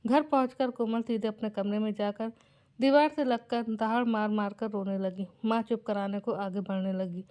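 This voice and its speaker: A woman narrating an emotional family moral story in a gentle, scripted way. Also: medium pitch, fairly even intonation, normal speed.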